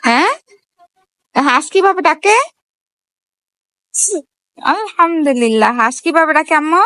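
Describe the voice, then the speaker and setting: A woman talks gently to her toddler, coaxing and asking little questions as she films. Her voice sits high, and it sounds close and dry, with no room echo. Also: lively intonation, unhurried. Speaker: mother filming her toddler. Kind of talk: casual vlog talk to a small child.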